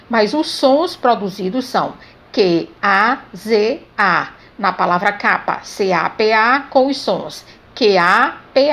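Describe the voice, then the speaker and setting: A woman with a Brazilian Portuguese accent teaching a grammar lesson, speaking slowly and deliberately and spelling out sounds letter by letter. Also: medium pitch.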